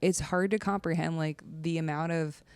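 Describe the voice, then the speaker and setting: A woman comedian chatting casually on a podcast as a guest, telling stories in an animated way with lots of "like". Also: low-pitched, normal speed, smooth, no echo. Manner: chatty, animated storytelling with filler "like".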